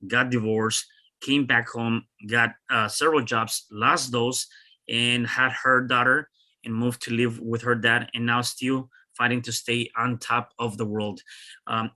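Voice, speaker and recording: A man's voice: medium pitch, steady tone, a little slow, pushed and bright. A man hosting an interview podcast, asking questions with many fillers and restarts. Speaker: podcast host.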